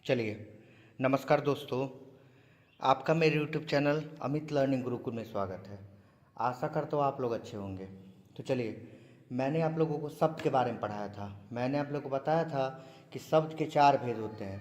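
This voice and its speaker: A man's voice: medium pitch, normal speed, darkish tone. Male teacher for a classroom grammar lesson; drills points with repetition, echoing hall sound. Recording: long hall reverb.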